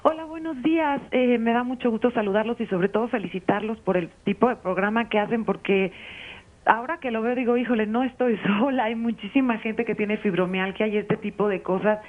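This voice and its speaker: A woman's voice: on the high side, brisk. A woman, calling in over the phone to a live radio show and earnestly telling her story at length. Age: 40s. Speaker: caller. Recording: dull lo-fi phone line.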